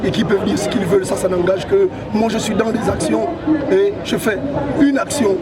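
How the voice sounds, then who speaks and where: A man in his thirties from Gabon, president of an association, answering interview questions in a measured way with stock phrases. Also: high voice, fairly even intonation, heavy background noise. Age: 30s. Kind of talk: outdoor event interview. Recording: loud crowd around. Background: loud crowd.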